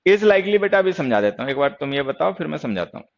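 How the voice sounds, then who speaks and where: A hoarse man teaching an online English grammar class, scolding and teasing his students playfully as he explains. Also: fairly high pitch, big pitch swings, quick pace, highs cut off. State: hoarse from shouting.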